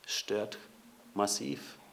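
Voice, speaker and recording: A man's voice: very slow, fairly bright tone, a little hiss or hum. A man preaching a sermon in a conversational way, speaking directly to his listeners.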